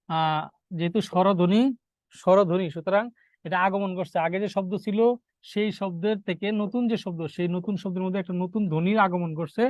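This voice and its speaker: Male teacher, high voice, dry close sound, repeats terms, quizzes the class. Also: a little mellow, no echo, muffled recording. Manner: explains step by step, repeats key terms, quizzes students. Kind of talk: classroom grammar lesson.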